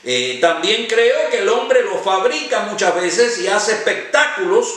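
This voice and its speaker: A man's voice: high-pitched, expressive, unhurried, a bit bright. A man, a pastor, preaching a sermon emphatically and stretching out stressed words. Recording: very echoey, from far off.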